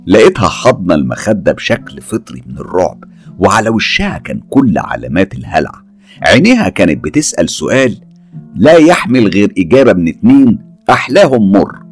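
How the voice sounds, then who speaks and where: A man's voice: sits low, slightly rough. A man with an Egyptian accent narrating a first-person horror story in a dramatic, suspenseful way. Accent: Egyptian Arabic.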